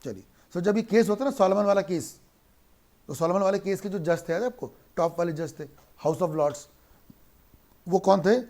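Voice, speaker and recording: In an online lecture, a man teaches a law class in Hindi mixed with English, repeatedly posing questions and answering them himself, and slowing down to read English lines aloud. His voice is high and a little mellow.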